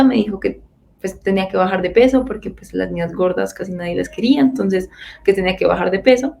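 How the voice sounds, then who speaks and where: A woman in her twenties from Bogotá, with a Bogotá Colombian Spanish accent, earnestly shares her personal faith testimony, using frequent fillers and restarts. Her voice is mid-range with a darkish tone.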